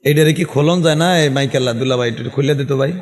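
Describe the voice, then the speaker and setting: A man preaching a village sermon, speaking, telling stories and shouting out calls to the crowd. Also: medium pitch, quick pace.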